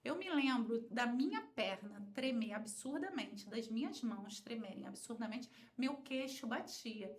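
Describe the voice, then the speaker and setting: Animated Brazilian woman telling her story. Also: a little high, unhurried, few pauses. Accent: Brazilian Portuguese. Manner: animated, acts out other people's quoted voices. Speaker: podcast guest. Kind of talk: emotional personal storytelling. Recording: roomy echo.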